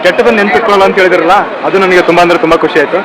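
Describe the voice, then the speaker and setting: A man's voice: high voice, steady tone, rapid-fire. A man doing street interviews, teasing people and repeating their answers back to them. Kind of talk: street vox-pop interview. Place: busy street outdoors. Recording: traffic noise behind.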